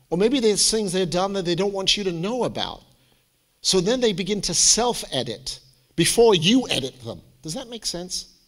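Lively, theatrical middle-aged man speaking. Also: sits high. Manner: theatrical, emphatic, wry. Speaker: keynote speaker. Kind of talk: humorous public talk.

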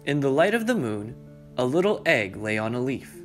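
A young man hosting a children's story time, reading aloud in a deliberate manner and speaking directly to young listeners. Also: mid-range voice, big pitch swings. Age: young adult. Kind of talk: read-aloud storytelling for preschoolers. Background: background music.

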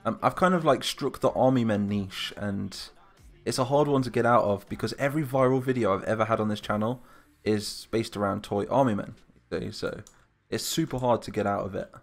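A man's voice: fairly low pitch, a little fast, soft background music. A young man hosting his gaming channel live, chatting casually and rambling with lots of filler words. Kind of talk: casual live-stream chat.

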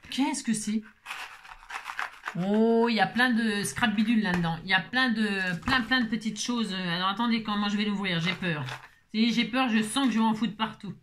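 Playful woman vlogger, chatty and exclamatory, talks to herself, mid-pitched voice. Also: noisy background. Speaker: papercraft vlogger. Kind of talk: casual chat while opening mail.

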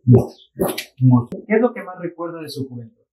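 A man's voice: on the high side, very animated, moderate pace, noisy background. A young man interviewing someone and asking his questions politely and formally. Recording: voice picked up from a distance.

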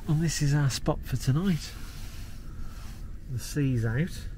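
A man's voice: a little high, slow pace, mellow, a little hiss or hum. A man casually narrating a camper van travel vlog, pointing out the sights around him. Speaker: vlogger. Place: outdoors on a windy hilltop and inside a camper van.

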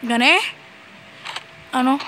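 A woman gamer giving live, excitable and playful commentary on her own play, yelling when she is in danger. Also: high voice, slow pace, a little hiss or hum.

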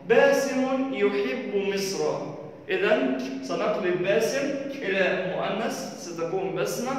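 A man with a high voice teaches a children's lesson, reading each question slowly and then stating its answer. He sounds distant from the mic, and his voice rings in a very echoey, reverberant room. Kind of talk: school lesson, reading out textbook exercises. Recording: echoey hall from far off.

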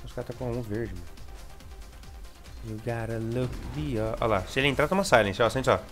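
A young Brazilian man with a Brazilian Portuguese accent commenting on his gameplay casually, excitable and repeating words, with sudden shouts. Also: medium pitch, normal speed, faint music behind. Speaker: gameplay streamer.

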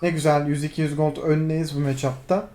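A young man talks through his gameplay in a fairly high voice. He is excitable and teasing, jumping between calm play-by-play, laughs and loud outbursts at his teammates. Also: fairly quick. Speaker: gaming streamer. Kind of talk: live gameplay commentary.

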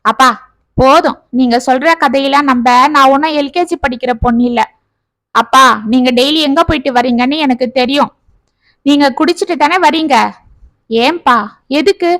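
A woman's voice: high-pitched, moderate pace, fairly bright tone, no room sound. A woman voicing a determined college-age daughter who pleads insistently with her father in a storybook tale. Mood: pleading.

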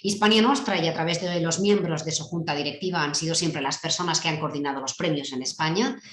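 Woman, low voice, hesitant, video call talk, roomy echo. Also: quick pace. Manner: hesitant, many fillers and restarts. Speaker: director general giving a keynote talk. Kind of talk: online conference presentation.

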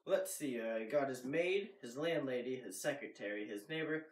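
Close to an everyday voice, this mid-range male speaker has lively intonation and talks at normal speed. He portrays the detective's old friend, a seasoned cop, casually and plainly in a noir radio drama, heard distantly in an echoey room over music.

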